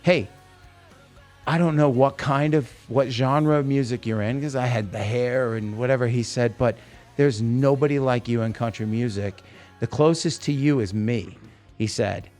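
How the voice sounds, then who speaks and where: Animated storytelling man, faint music behind. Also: mid-range voice, moderate pace. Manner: animated anecdote teller, acts out quoted voices. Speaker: guest musician. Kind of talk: casual storytelling.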